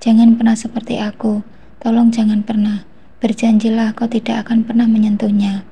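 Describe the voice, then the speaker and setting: Woman voicing a broken young man, husky and flat. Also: a little high, moderate pace. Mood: pleading. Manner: pleading, with a breaking voice.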